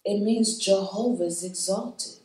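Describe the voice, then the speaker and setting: A woman speaking to a live roundtable group, animated and preachy, laughing often and calling out to her audience. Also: mid-range voice, slow pace. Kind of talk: spirited talk to a live group. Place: meeting room with an audience. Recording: echoey room, voice from far off.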